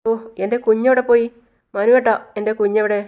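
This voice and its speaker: A man's voice: high-pitched, level tone, fairly quick, a little mellow, smooth, voice pushed up, close to an everyday voice. A man doing a frantic young mother. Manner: pleading, raised urgent calls. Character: frantic young mother searching for her missing baby.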